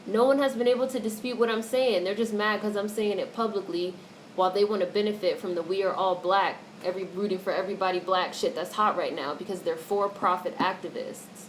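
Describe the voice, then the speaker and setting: A woman with a mid-range voice and fairly even intonation speaks a little fast while hosting a casual stream, reading chat comments and answering in a blunt, opinionated way peppered with swearing. Background noise makes the stream audio noisy.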